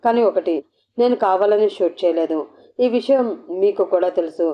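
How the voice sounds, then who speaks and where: A woman's voice: medium pitch, moderate pace, close to an everyday voice. A woman voicing a frightened, tearful young woman who pleads shakily, in a storybook reading. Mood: pleading. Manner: pleading, shaky. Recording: dull lo-fi audio.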